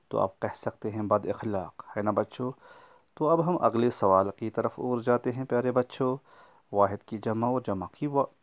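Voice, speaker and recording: A man teaching a recorded lesson to young schoolchildren, patiently explaining word meanings and repeating key points. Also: mid-range voice. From Kashmir. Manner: patient, explains words slowly and repeats them for children.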